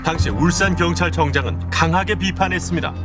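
A man narrating an investigative documentary in a measured, serious tone. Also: a little high. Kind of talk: scripted narration. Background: music.

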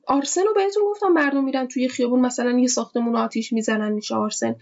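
Woman teacher, mellow voice, repeats every word and meaning, kinda muffled lo-fi audio. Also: on the high side. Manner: explains each word slowly, repeats words and their meanings. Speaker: English teacher. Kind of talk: vocabulary lesson. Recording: dull lo-fi recording.

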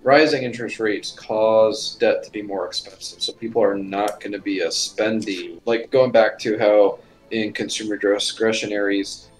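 A man appearing as a guest on an investing show, adding halting, casual comments with dry quips. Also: on the low side, steady tone, low-quality recording. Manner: hesitant, restarts, dry quips. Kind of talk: casual chat.

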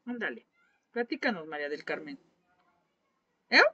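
A woman's voice: low voice, lively intonation, normal speed, bright, forceful tone, dull audio. Chatty Mexican woman teaching a craft class. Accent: Mexican Spanish. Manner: chatty, gossipy, coaxing viewers to talk. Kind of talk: live painting class chat.

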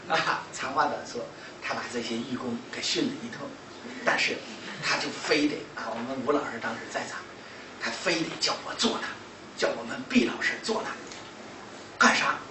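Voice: medium pitch, expressive, moderate pace. A lecturer with a Shandong Mandarin accent tells a story animatedly, acting out conversations and laughing often. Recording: echoey, distant, noisy room recording.

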